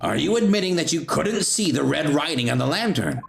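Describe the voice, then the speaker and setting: A man's voice: a little high, big pitch swings, a little fast, creaky, roomy sound. A man voicing an earnest, easily confused male judge for a game playthrough. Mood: questioning.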